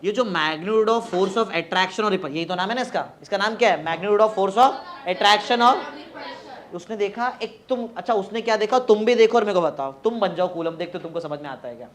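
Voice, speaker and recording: A man's voice: high voice, slight background noise. Male teacher, Marathi-region Indian accent, physics class lecture, coaxes repetition, stretches key phrases. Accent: Indian, Marathi-region Hindi. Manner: coaxing students to repeat definitions aloud, drawn-out chanting.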